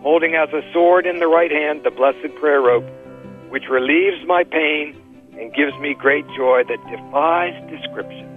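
A man on a radio show, talking and reading aloud in an animated, emphatic way. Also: fairly high pitch, unhurried. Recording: phone-like radio sound with faint music.

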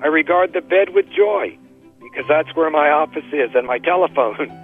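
A man on a radio show, talking and reading aloud in an animated, emphatic way. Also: on the high side, normal speed. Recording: phone-like radio sound with faint music.

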